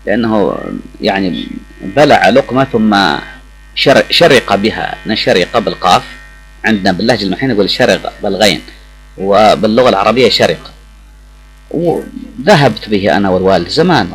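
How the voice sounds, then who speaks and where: A man's voice: low voice, poor audio. A middle-aged man, speaking emotionally on the radio with many hesitations and restarts. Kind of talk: reflective personal talk.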